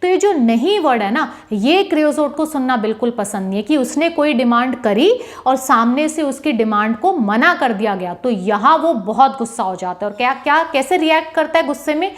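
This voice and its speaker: A woman teaching homeopathy in a lecture, explaining with animated examples, acting out a child's whiny demands, and often checking in with her listeners. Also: sits high, normal speed, few pauses. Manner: mixes English terms into Hindi, asks "है ना?" often.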